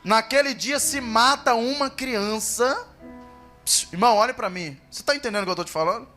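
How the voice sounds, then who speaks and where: High-voiced impassioned male preacher. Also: moderate pace, soft background music. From Brazil. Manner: impassioned, swings from hushed to loud. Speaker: pastor. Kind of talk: dramatic sermon storytelling. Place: church service.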